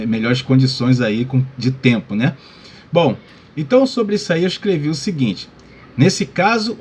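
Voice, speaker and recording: A man's voice: mid-range voice, darkish tone, slight background noise. A male pastor teaching a Bible lesson in a casual way, full of little check-ins like "tá?" and addressing listeners as brother. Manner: casual, many fillers like "tá?" and "né?".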